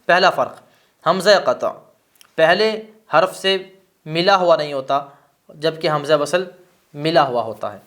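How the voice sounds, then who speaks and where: A man teaching an Arabic grammar lesson, who keeps asking rhetorical questions and then answers them himself. He slows down to spell out each example word. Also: a little high, a bit bright.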